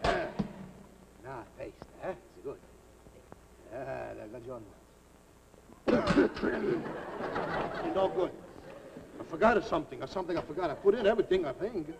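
Unhurried and animated, a man with a highish voice and vocal fry takes long pauses while playing a jolly Italian cook from the old country. He rambles in accented, broken English for a live audience whose laughter fills this noisy old recording of a comedy sketch.

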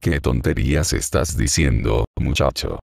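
A man's voice: extremely low pitch, measured pace, creaky, dry recording, clean studio sound, exaggerated voice. A man voicing a proud, impatient teenage girl who scolds sharply, in a storybook reading. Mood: impatient, scornful.

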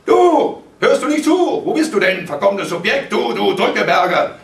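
A man reading aloud, voicing a furious, bullying father who shouts in a high, strained voice at a live reading. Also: very animated, moderate pace, vocal fry, heavily acted. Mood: raging. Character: enraged elderly father, bullying and contemptuous. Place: cinema hall, live reading. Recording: roomy hall, mic far off.

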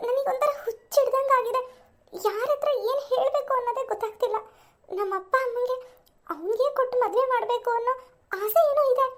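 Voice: very high-pitched, fairly bright tone. A performer voicing a lovesick, tearful young woman in a home-made cartoon. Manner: earnest, tearful pleading. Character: lovesick young woman pining for her cousin.

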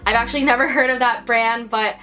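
A young woman from the United States talks straight to the camera in a casual beauty haul, chatty and upbeat. Her voice sits a little high and sounds bright and crisp, with soft music playing faintly behind her. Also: steady tone, fast. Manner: chatty and upbeat, lots of "like" and "you guys". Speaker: beauty vlogger. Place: her room indoors.

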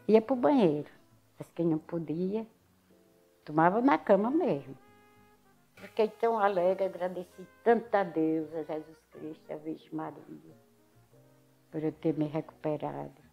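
A woman's voice: deep voice, creaky, muffled recording. An older woman with a Northeastern Brazilian accent from Alagoas, telling her story in a casual interview and acting out what others said. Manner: lively storyteller who acts out other people's words.

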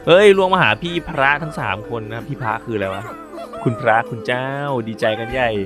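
A man hosting a gaming channel, giving casual, jokey play-by-play commentary in an excitable, chatty way. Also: mid-range voice, a little fast. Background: game music.

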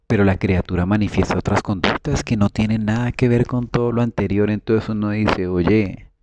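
A man with a somewhat low voice talks earnestly and casually to his viewers, rambling and restarting his words as he goes. The recording carries clear background noise throughout. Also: steady tone, brisk. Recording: noisy home recording.

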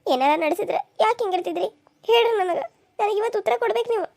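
A woman's voice: very high-pitched, fast, creaky, darkish tone, dry recording. A woman voicing a hurt, suspicious young village wife in a cartoon serial, with a North Karnataka Kannada accent, tearful and accusing.

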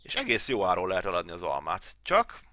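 A Hungarian gaming channel host in his thirties plays through a farm game tutorial at home, chatting casually, thinking aloud and muttering to himself. His deep, sharp-toned voice swings widely in pitch, captured in a dry, studio-quality recording.

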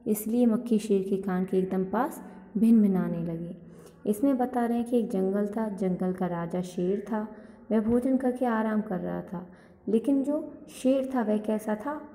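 A woman's voice: mid-range voice, mellow. Woman teacher, online class, reads then re-explains, long hall reverb. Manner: reads each line then re-explains it simply. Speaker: school teacher. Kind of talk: online class story reading.

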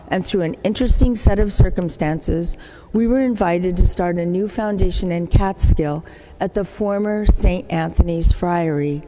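An older woman, a religious sister, telling stories of her community's work in an appeal at Mass, acting out the people she quotes. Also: on the low side. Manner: warm-hearted anecdotal storytelling, acts out quoted voices. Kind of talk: storytelling church appeal. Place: large church. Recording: echoey church hall.

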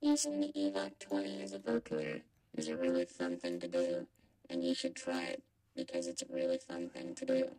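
A man's voice: low-pitched, wildly swooping pitch, moderate pace, gravelly, darkish tone, full character voice, rough recording. A man's voice run through a vocoder with formant shifting, which gives it a synthetic, robotic sound. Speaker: music production instructor. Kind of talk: demonstration sample, repeated phrase.

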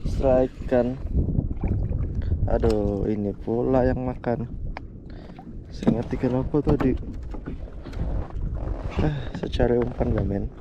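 A man's voice: medium pitch, slow, pauses often, lo-fi sound. A young man from Malaysia, chatting casually as he films himself fishing, often tagging "men" onto his phrases. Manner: relaxed, chatty, drops "men" after phrases. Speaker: fishing vlogger. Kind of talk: casual self-filmed commentary. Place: kayak on open sea, outdoors. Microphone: action camera on body. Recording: outdoor camera audio with clear wind and water noise. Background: wind and water.

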